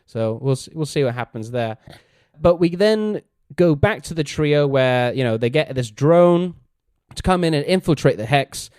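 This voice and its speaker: A man hosting a casual review podcast, his voice a touch high and very smooth. The sound is dry and close. He talks in an animated way, laughing and acting out quotes. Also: moderate pace, no echo. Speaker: podcast host.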